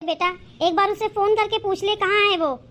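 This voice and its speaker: A woman's voice: extremely high pitch, fairly even intonation, moderate pace, a bit bright, slight background noise. A woman voicing a worried older mother-in-law in a cartoon, weary and lamenting.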